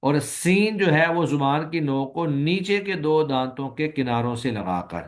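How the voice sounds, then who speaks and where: A man who teaches Quran recitation, giving a recorded lecture and explaining slowly and patiently, with long drawn-out sample sounds and a Pakistani Urdu accent. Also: a little high, lively intonation. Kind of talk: recorded lecture on letter pronunciation.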